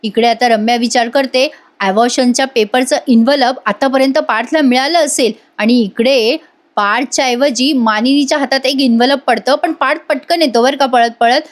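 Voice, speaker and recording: Chatty high-voiced woman recapping a serial. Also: normal speed. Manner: chatty, often addresses listeners directly. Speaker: TV serial reviewer. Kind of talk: casual voice-over episode recap.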